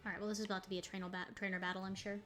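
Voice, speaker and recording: A woman's voice: medium pitch, level tone, racing, fairly bright tone, faint music behind. A woman streaming a video game, chatting casually and rambling as she plays, often breaking into laughter. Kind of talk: casual gaming commentary.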